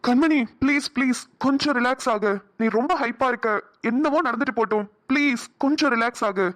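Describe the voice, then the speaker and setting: A woman's voice: sits high, a little fast, lightly acted. A woman voicing a caring young man in a cartoon drama, speaking in a soothing, coaxing, earnest way. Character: caring young man Karthik, gentle supportive friend.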